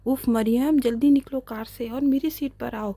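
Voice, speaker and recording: A woman's voice: a little high, fairly even intonation, normal speed, dark tone, slightly rough, dry recording. A woman voicing a protective young man who speaks with urgency. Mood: urgent. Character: brave young man rescuing his love.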